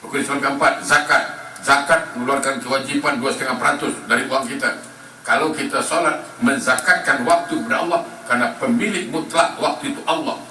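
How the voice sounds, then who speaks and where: A man's voice: mid-range voice, steady tone, brisk, pushed and bright, a little hiss or hum. A man preaching a humorous lecture in a mosque, asking the congregation questions and answering them himself. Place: mosque hall. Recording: roomy, distant mic with faint ambience.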